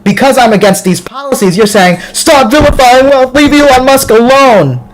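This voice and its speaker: A high-voiced man argues on a live stream from home, hammering the same questions again and again. His mic peaks and clips into harsh distortion. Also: expressive, moderate pace. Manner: insistent, repeats himself, talks over the other caller. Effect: clipping, distorted mic. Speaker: streamer hosting live debates. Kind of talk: heated live-stream debate. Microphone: home streaming mic, peaking.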